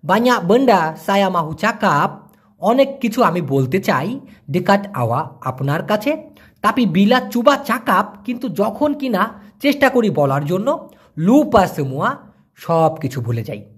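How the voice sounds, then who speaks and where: A man from Bangladesh, giving a casual language lesson and patiently repeating words slowly piece by piece. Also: high voice, big pitch swings, slightly rough. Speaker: language teacher.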